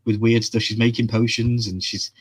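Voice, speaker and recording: A man's voice: mid-range voice, level tone, moderate pace, breathy edge. A man co-hosting a live TV review, explaining with eager emphasis in casual chat.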